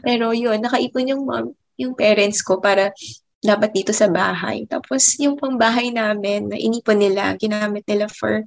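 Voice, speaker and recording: Chatty young woman, slightly high voice. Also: gravelly. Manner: chatty, trails off softly after phrases, laughs often. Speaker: teacher. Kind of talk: casual faith testimony vlog.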